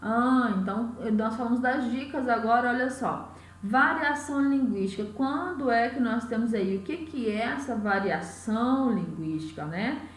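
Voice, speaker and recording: A woman's voice: fairly high pitch, moderate pace. A woman from Goiás with a Goiás accent, teaching an exam-prep class step by step and often checking in with "né?" and "tá?". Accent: Goiás Brazilian Portuguese. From Goiás, Brazil. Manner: explains step by step, often asks "né?" and "tá?". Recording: echoey room, mic at a distance.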